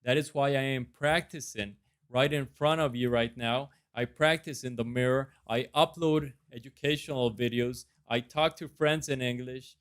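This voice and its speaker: A Costa Rican man in his thirties practices residency interview answers on camera, earnest and self-assured. His medium-pitched voice is smooth and steady, at a normal speed, with a Costa Rican accent.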